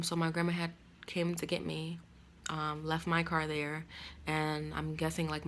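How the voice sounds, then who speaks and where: A woman's voice: deep voice, a little hiss or hum. A young woman in a casual vlog, telling a personal story candidly and quoting others with animation. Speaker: vlogger.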